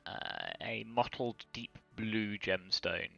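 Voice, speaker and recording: A man's voice: fairly low pitch, slow, vocal fry, fairly bright tone, muffled recording, faint music behind. A man narrating as game master, rambling with many fillers and lookups.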